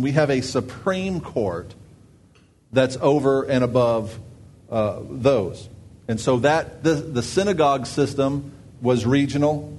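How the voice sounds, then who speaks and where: A man's voice: medium pitch, a little mellow. Guy preaching and doing church announcements, chatty, lots of uh and restarts. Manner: conversational, thinks aloud with fillers and restarts. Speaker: pastor. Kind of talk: sermon with announcements.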